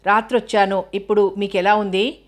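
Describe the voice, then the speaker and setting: Woman narrator reading a caring young man, soft-spoken and respectful, even level tone, audiobook dialogue. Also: mid-range voice, moderate pace, natural voice. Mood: gentle. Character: caring young man tending his sick uncle.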